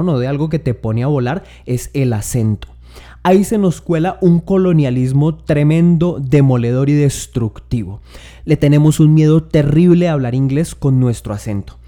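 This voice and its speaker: A man's voice: fairly high pitch, mellow. A man with a Tolima Colombian accent giving an emphatic, sarcastic comedic rant. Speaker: comedic English-teaching commentator.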